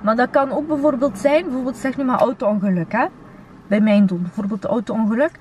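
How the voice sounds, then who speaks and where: A woman's voice: on the high side, fairly quick, crowd noise. A young woman with a Flemish accent chatting casually, slangy, with Arabic interjections. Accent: Flemish Belgian. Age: young adult. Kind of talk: casual chat. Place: inside a car.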